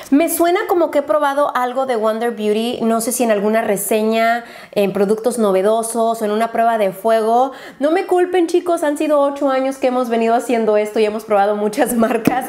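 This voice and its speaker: A woman's voice: a little high, darkish tone. A woman, a beauty YouTuber talking chattily and gushing through a casual unboxing haul, dropping English exclamations.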